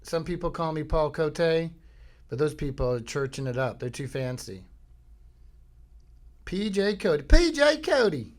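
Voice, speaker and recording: Speaking on the high side with a sing-song lilt, a middle-aged Florida man takes his time and pauses often. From his home studio, he hosts a rambling comedy podcast, full of jokes, self-interruptions, silly sung bits, and impressions.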